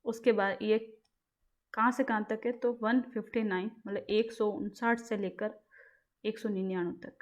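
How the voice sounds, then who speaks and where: A woman's voice: medium pitch, flat delivery, unhurried. A woman teaching exam-prep material in a casual lecture. She quizzes her listeners and answers herself. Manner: repeats questions to the class and answers them herself.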